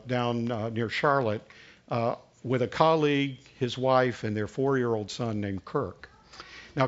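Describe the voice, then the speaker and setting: The recording cuts off the highs of this mid-range male voice. A sixty-something pastor with a Southern American accent, he preaches through folksy stories, saying uh often.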